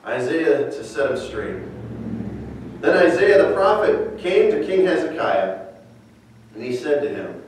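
A pastor preaching in a conversational way, often checking in with "right?". His fairly high voice rises and falls a lot. It booms back from a large echoey hall, and the mic is some way off. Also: sing-song, unhurried, pauses often, recorded from a distance, slight background noise. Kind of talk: sermon.

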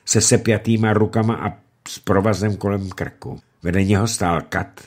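A man narrating a novel aloud for a radio reading, in an expressive, dramatic way. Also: on the low side.

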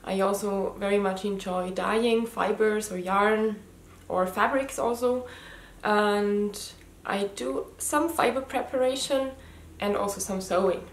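Hosting her first knitting video podcast at home in the living room, a thirtysomething native German speaker with a slight Austrian German accent talks casually to camera. Her voice is mid-range, her pace measured with hardly any pauses, yet she's hesitant, with frequent ums and restarts. A camera mic picks her up in head-and-shoulders framing in an echoey room.

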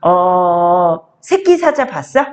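A young woman teaching a child one-on-one in a patient, coaxing way. Her pitch swings widely as she encourages the child, and she speaks slowly, drawing out each sentence she reads aloud. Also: very animated. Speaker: tutor.

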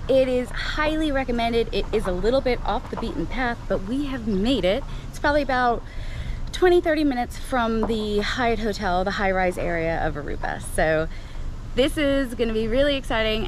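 A woman's voice: medium pitch, noisy background. A woman hairstylist vlogging on her phone at a seaside restaurant, chatting enthusiastically to her viewers. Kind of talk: casual vlog talking to viewers. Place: outdoor beach restaurant by the sea. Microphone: phone held at arm's length. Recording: loud music underneath. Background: loud music.

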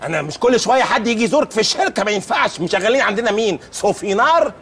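A fussy, pompous office manager with an Egyptian accent. His voice is unusually high and swoops widely as he scolds at a breakneck pace. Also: expressive, very fast, gravelly, a bit bright, a little hiss or hum, exaggerated voice. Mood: stern. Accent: Egyptian Arabic. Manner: shrill, scolding outbursts. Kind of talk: sitcom acting.

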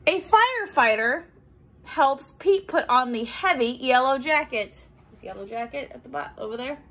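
Here a young adult woman, her voice sitting high, reads a kids' picture book with expression at a moderate speed. She performs the sound effects and exclamations with energy and stops to explain things simply.

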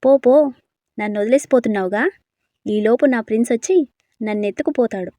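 A woman reading a bold, teasing young woman who fires back quick playful retorts in a storybook tale. The voice sits a little high and sounds close and dry. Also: dark tone, dry recording, muffled recording, lightly acted. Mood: mock sulky.

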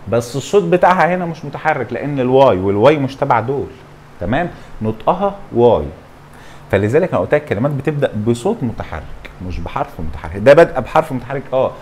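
Fast, animated Egyptian male teacher. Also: mid-range voice, slight background noise. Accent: Egyptian Arabic. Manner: plays both teacher and student in mock dialogue. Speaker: English teacher. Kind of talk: lively classroom-style lecture.

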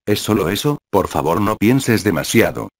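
A man reading the lines of a smug, shameless young man in an even, low voice. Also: moderate pace, no echo, clean studio sound.

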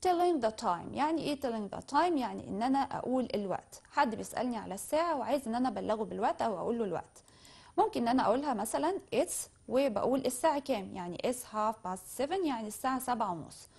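A woman with an Egyptian Arabic accent teaching English vocabulary, speaking slowly and carefully when she models the English phrases and more quickly when she explains them. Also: fairly high pitch, expressive, creaky, darkish tone, slightly rough. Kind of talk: classroom lesson explaining vocabulary.

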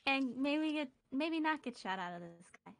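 A young woman streaming a game, chatting playfully and excitably with friends. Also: high-pitched, moderate pace, a little hiss or hum. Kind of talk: livestream gaming chat.

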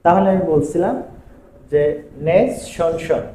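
A man teaching English grammar in a video lesson, going through word lists in a steady, repetitive rhythm. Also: a little high, unhurried. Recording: echoey room with faint ambient noise.

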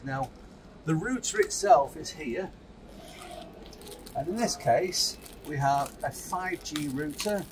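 At a trade show stand, a man in his fifties gives an upbeat sales pitch, handling a product kit as he explains it to a close phone camera. His tone is darkish, and the recording is rough, with clear background noise from the show floor.

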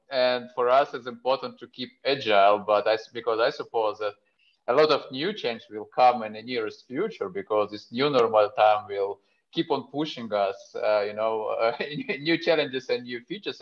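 A man speaking as a software company executive on a panel video call, halting and full of fillers. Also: mid-range voice. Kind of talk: panel discussion. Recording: muffled video-call audio.

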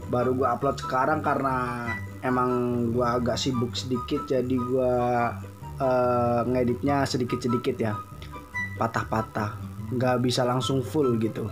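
Young Jakarta-accented man, slangy, jokey vlog voice-over, mid pitch, clear music bed behind. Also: level tone, a little slow. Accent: Jakarta colloquial Indonesian. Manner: joking, rambling, slangy. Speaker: motovlogger. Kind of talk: dubbed voice-over commentary. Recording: background music under voice.

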